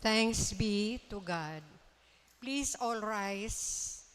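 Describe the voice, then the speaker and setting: A woman's voice: mid-range voice, smooth. Woman's responses in cathedral echo. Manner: calm, unhurried announcing. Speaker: mass commentator. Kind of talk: liturgical responses and announcements. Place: large church. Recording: long church reverb.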